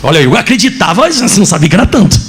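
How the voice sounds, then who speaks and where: In church, a male pastor preaches a sermon, animatedly recounting his testimony and acting out the dialogue. His voice sits high and comes out rapid-fire.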